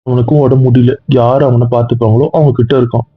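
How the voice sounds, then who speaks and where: A man playing a stern, fast-talking young man. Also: medium pitch, steady tone, breathy edge, no room sound, close to an everyday voice. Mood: stern lecturing. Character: stern, lecturing young man, protective of brother. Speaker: actor in a family comedy-drama skit. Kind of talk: casual web-series acting. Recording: tinny phone-like dry sound.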